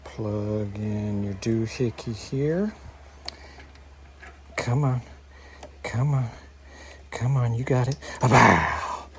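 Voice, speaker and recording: A man's voice: mid-range voice, steady tone, takes it slowly, pauses often, warm tone. A man narrating his appliance repair vlog in a jokey, playful way, chatting to himself as he works. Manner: jokey, playful, talks to himself while working. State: out of breath. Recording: noisy workshop recording.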